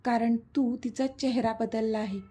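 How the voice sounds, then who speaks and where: A woman's voice: fairly high pitch, fairly even intonation, a little slow. A woman voicing an angry, desperate young man searching for his missing sister in an audio story. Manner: angry, forceful.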